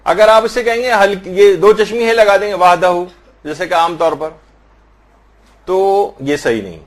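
Higher-voiced man teaching recitation. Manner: slow, careful demonstrations of recited phrases; patient, corrective explaining. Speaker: religious teacher. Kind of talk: prayer pronunciation lesson.

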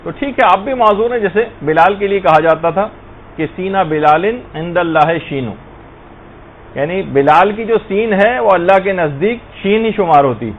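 High-voiced man teaching religious lesson. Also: lo-fi sound, a little hiss or hum. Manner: patient, explains step by step with examples.

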